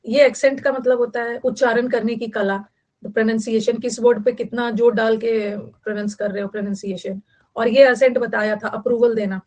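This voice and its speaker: Woman, vocabulary teacher, online class lecture, chatty, repetitive, slightly high pitch. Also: steady tone, normal speed, darkish tone. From Bihar, India. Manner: chatty, repeats key words for note-taking.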